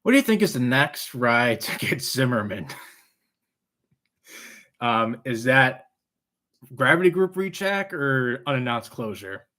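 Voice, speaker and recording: A man's voice: mid-range voice, big pitch swings, measured pace, pauses often, bright, forceful tone. A man with trouble saying his R's, which sound like W's, chatting casually and answering viewer questions as a rambling, easygoing live stream host.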